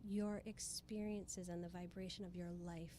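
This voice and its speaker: As a guest in a conversational interview, a spiritual woman from Hawaii explains motivational ideas earnestly and emphatically, circling back to the same phrases. Her voice is lowish and mellow with little pitch movement, her pace is moderate, and a little background noise can be heard.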